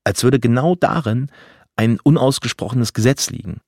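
A man in his thirties from Germany narrating a personal story in a measured, vivid, dramatic way. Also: medium pitch, a little mellow, dry recording, clean studio sound.

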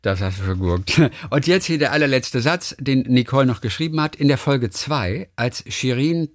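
A man's voice: mid-range voice, moderate pace, no room sound, clean studio sound. A man hosting a podcast and reading listener messages aloud in a casual chat, telling stories with lots of restarts. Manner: lively, animated storytelling with many restarts. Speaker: podcast host.

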